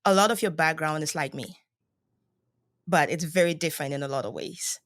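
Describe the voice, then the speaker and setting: Host: woman from Cameroon, effusive and praising, fairly low pitch, dry close sound. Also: a little fast, a bit bright, dry recording. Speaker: podcast host. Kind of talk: podcast interview host.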